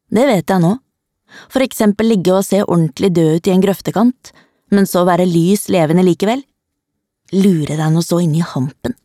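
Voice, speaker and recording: A woman narrating a storybook in a calm, even first-person telling. Her voice sits low and mellow, recorded close and dry with no room sound. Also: no room sound. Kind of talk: storybook reading.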